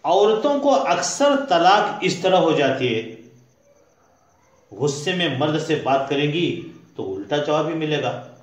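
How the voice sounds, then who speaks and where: A man's voice: a little high, very animated, measured pace. A man preaching a sermon to women, emphatic and urgent, repeating his key points. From India. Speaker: Islamic preacher. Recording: heavy echo of a reverberant room.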